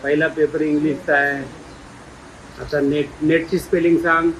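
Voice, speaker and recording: A man playfully quizzing schoolchildren, coaxing and teasing them and urging them to speak louder. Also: a little high, flat delivery, moderate pace, a little hiss or hum, rough recording. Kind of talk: playful classroom questioning.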